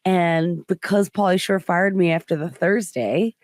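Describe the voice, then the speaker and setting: An American woman comedian hosts a podcast, telling a rambling story in casual chat packed with fillers and acted-out quotes. Her voice is on the low side and measured in pace, recorded dry with a clean studio sound.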